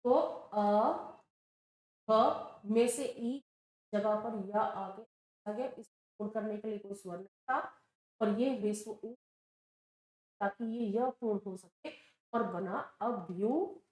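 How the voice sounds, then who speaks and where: A woman's voice: medium pitch, slow pace, pauses often, a little mellow, roomy sound. A woman teaching a Sanskrit grammar lesson for exam preparation. She speaks patiently and asks the class questions that she then answers herself. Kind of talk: exam-prep lesson at a board.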